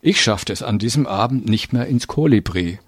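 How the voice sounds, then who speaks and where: A man's voice: on the low side, expressive, moderate pace, breathy edge, no room sound, clean studio sound. A man reading a story aloud in first-person narration, telling it expressively.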